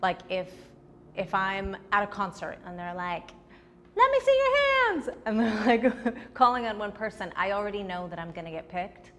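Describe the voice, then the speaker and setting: A woman's voice: mid-range voice, moderate pace, in a large hall. A young adult woman, a comedian, giving candid, chatty answers in a casual interview.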